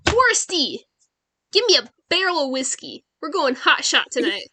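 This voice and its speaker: A woman voicing a brash, hard-drinking frontier woman who talks loud, swaggering and crude. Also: high voice, sing-song, brisk, heavily acted.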